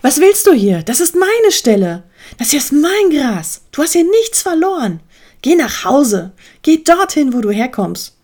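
A woman voicing a furious, territorial male sheep who shouts and rants shrilly. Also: fairly high pitch, very animated, moderate pace. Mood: hostile.

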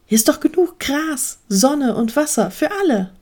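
Woman doing a mild friendly sheep guy from a storybook, lively voice. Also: sits high, moderate pace, pitched above the performer's own voice. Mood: calm. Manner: mild, puzzled, reasonable.

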